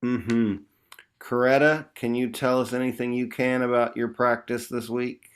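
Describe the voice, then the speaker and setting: A man's voice: medium pitch, little pitch movement, moderate pace, clean tone. A man leading an online group, encouraging members and calling them bro. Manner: supportive, calls people bro and brother. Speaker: group facilitator. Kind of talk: casual encouraging group talk.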